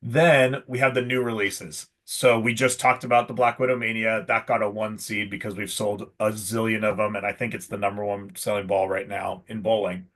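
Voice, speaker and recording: Male host, lower voice, easygoing live-stream banter, salesy and filler-heavy. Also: level tone, normal speed, few pauses, a bit bright. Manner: chatty, salesy, many fillers. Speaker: pro shop host. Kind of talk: casual live stream chat.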